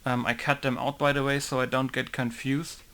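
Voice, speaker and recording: In a casual screen-recorded tutorial, a man walks through game modding, thinking aloud and rambling while leaning on fillers like "basically" and "right?". His mid-range voice has a sharp tone, little pitch movement, and normal speed.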